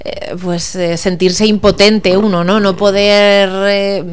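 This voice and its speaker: A woman's voice: mid-range voice, flat delivery, takes it slowly, clear, resonant tone. A woman interviewing a guest on the radio, asking attentive, sympathetic questions.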